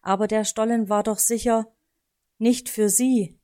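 Woman playing an excitable fox. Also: on the high side, close to an everyday voice. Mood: excited. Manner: quick to flare up. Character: lively, excitable male fox.

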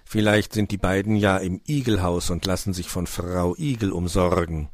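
A man voicing a measured, pompous male raven who croaks between phrases. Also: low voice, no room sound, studio quality, lightly acted. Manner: slow, deliberate, croaks "kra".

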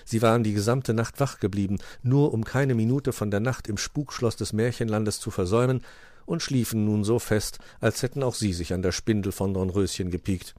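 A man's voice: lowish voice, normal speed, no echo. A man reading a rhyming children's animal story aloud and giving each creature its own voice. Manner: lively storyteller voicing many animals. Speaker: narrator.

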